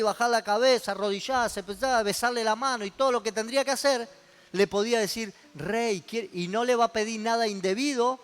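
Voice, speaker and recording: A man's voice: sits high, fairly bright tone, big-room sound. A male pastor with a Rioplatense Spanish accent, preaching a sermon and putting questions to the congregation. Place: church hall.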